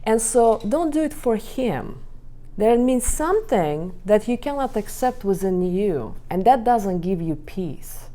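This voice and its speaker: A woman's voice: medium pitch, measured pace. A middle-aged woman relationship coach, telling stories from her marriage to a group and acting out what was said. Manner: storytelling, animated acting out of quotes. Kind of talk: talk to a live group.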